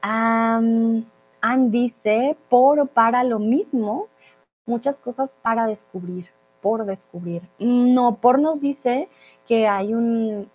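Friendly Colombian-born Spanish teacher, dull sound. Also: female voice, a little high. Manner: friendly, explains slowly and stresses key words. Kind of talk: live online class, reading out viewer comments. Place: Mexico.

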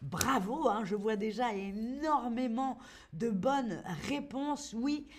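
A young woman teaching vocabulary on a live stream, speaking slowly and clearly in a playful manner, reading out viewers' names and acting out shouts and boos. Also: on the high side, animated. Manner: slow, clearly articulated, playful, reads chat names aloud; acts out shouts and boos for emphasis. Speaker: French teacher streaming to learners.

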